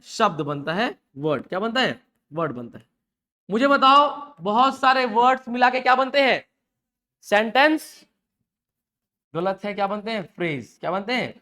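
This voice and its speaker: A male teacher, giving a live class in a lively, chatty way. He keeps asking the students questions, answers them himself and repeats the key words. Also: high voice. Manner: lively and chatty, with homely examples and mild jokes. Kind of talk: live online class lecture.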